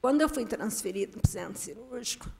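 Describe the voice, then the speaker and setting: A woman giving nervous, halting testimony as an invited guest at a council committee meeting, with many fillers and restarts. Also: on the high side, animated, gravelly, darkish tone, slight background noise. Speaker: invited guest making complaints. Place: council chamber.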